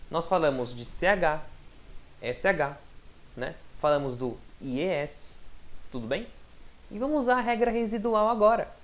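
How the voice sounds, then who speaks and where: Guy teaching english, super chatty and encouraging, keeps asking if you got it, says the example words real slow. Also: on the high side, animated, a bit bright. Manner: chatty and encouraging, often checks in with the student; sounds out English words slowly and clearly. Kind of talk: recorded online lesson.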